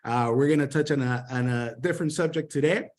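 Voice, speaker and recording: A man's voice: medium pitch, a little fast. A man from Honduras, a sales mentor, giving an upbeat motivational training over an online call, with many fillers and repeated words.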